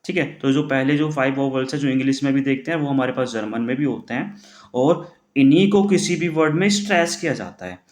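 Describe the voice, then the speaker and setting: A man teaching the German alphabet in a classroom style, putting questions to the class and answering them himself, repeating words slowly. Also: medium pitch. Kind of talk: classroom-style lesson explaining pronunciation. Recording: echoey room.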